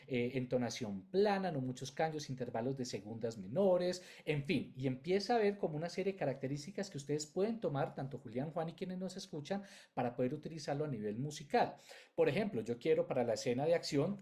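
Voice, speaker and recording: A man with a mid-range, dark-toned voice teaches an online class about film music. He explains things in loose, chained phrases and speaks directly to his students.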